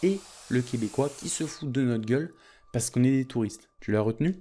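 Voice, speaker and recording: A man's voice: mid-range voice, warm tone. Chatty French vlogger man, joking asides. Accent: French from France. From France. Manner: joking, chatty, addresses viewers as tu. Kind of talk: casual direct-to-camera vlog.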